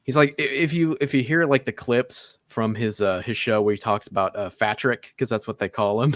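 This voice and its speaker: A man's voice: medium pitch, moderate pace, a bit bright, no echo, clean studio sound. A man appearing as a guest on a live stream, talking casually and at length, swearing and leaning on "like" and "you know" as he laughs. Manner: rambling and profane, with constant "like" and laughter. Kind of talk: casual conversation.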